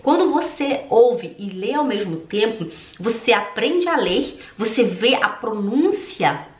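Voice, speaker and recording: A woman, a German teacher giving a casual video lesson and repeating drill words slowly and emphatically. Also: on the high side, big pitch swings. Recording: echoey room.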